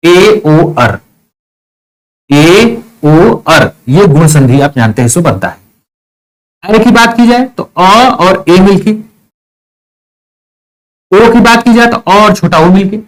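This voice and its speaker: A man's voice: fairly high pitch, low-quality recording. A male teacher with a slightly raised voice and an eastern Uttar Pradesh Hindi accent. He walks through a grammar lesson step by step, asking questions and answering them himself. He stretches out vowel sounds to show how they are said. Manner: explains step by step, asks and answers his own questions, draws out vowel sounds.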